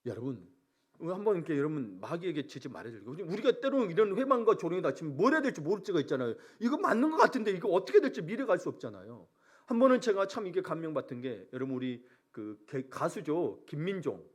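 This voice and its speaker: A male pastor preaching a sermon in an animated way, acting out prayers and mocking voices as he goes. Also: fairly high pitch, fast talker.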